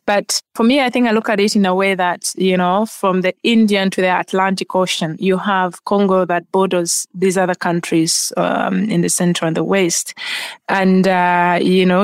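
A woman's voice: on the low side, no echo, studio quality. A woman co-hosting a casual discussion, chatty and full of fillers and restarts.

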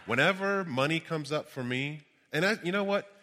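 A man's voice: fairly high pitch, moderate pace, sharp tone. A man preaching as a minister in an emphatic, exuberant motivational speaking style. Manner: emphatic, exuberant projected delivery. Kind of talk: motivational sermon with call-and-response affirmations. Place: large reverberant room, addressing a gathering. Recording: reverberant hall sound.

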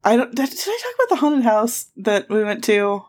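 A woman's voice: on the high side, very animated, fairly quick, darkish tone. A woman co-hosting a podcast in casual chat, telling stories animatedly with frequent laughs and swearing. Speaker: podcast co-host.

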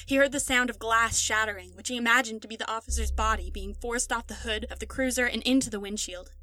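A woman reads a scripted story in a steady, measured way. Her voice is bright and sits fairly high, and she stays close to the microphone. The sound is dry, with no room around it. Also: no room sound, soft background music. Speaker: narrator.

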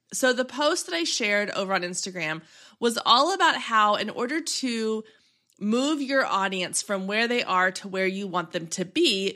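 A woman hosting a solo podcast in casual chat, congested and a little nasal from allergies, talking in quick run-on asides. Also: mid-range voice, pushed and bright. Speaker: podcast host and business coach.

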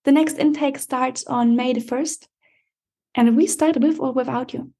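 A woman with a high, creaky voice delivers a motivational podcast monologue. She talks directly to the listener like an empowerment coach, emphatic and encouraging, with vocal fry running through her speech. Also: fairly even intonation, measured pace, warm tone. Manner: emphatic, encouraging pep talk addressed straight to the listener.

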